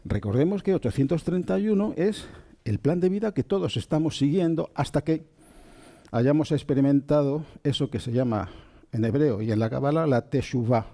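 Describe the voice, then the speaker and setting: A man giving a slow, calm lecture on spiritual texts, checking in often with his listeners. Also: a little high. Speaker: spiritual teacher. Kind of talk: calm spoken lecture on Kabbalah.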